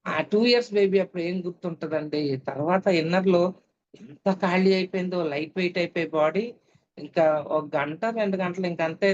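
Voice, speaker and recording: A middle-aged woman, a meditation teacher, telling a personal story in a reflective way with frequent pauses. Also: fairly low pitch, fairly even intonation, a little mellow. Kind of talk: personal testimony talk. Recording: dull lo-fi recording with faint hiss.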